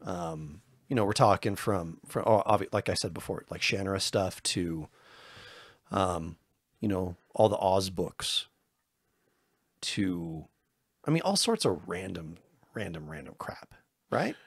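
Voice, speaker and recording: A low-voiced man co-hosts a podcast, chatting casually in a loose, rambling manner and cracking jokes at his own expense. He sounds animated yet keeps a measured pace with long pauses, and his voice is slightly rough. The recording is studio quality with no room sound.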